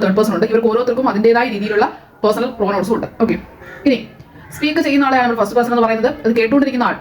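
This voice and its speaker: A Malayali-accented woman teacher talks through a grammar lesson at a very quick clip. Her voice sits a little high. She throws questions at the class and answers them herself, slipping English phrases into her explanation.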